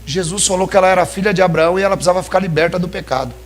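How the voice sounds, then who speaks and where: A man's voice: high-pitched, very fast, soft background music. A man preaching a sermon in a church, talking conversationally and calling his listeners brothers.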